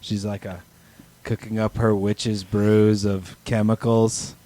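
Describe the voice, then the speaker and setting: A man's voice: on the low side, flat delivery, slow, warm tone. A man co-hosting a movie podcast in casual chat, laid-back and laughing often. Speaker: podcast co-host. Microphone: studio microphone.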